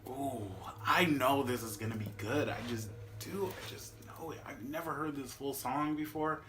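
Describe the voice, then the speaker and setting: A man reacting to songs in his living room, gushing, swearing and shouting in bursts as the music plays. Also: medium pitch, normal speed, slight background noise. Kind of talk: casual reaction commentary. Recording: loud music playing in the room. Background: loud music from a room speaker.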